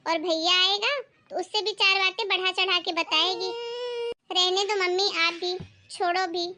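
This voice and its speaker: A woman's voice: very high voice, fairly even intonation, moderate pace, pushed and bright. A woman acting a spoiled, scheming daughter who tattles on her sister-in-law in a family drama. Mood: tattling. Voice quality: whiny, tattling.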